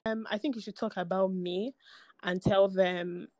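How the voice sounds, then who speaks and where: A woman's voice: mid-range voice, fairly even intonation, normal speed, darkish tone, dry recording. A woman in her twenties co-hosting a podcast, chatting casually with playful, teasing banter. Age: 20s. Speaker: podcast co-host. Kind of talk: casual chat.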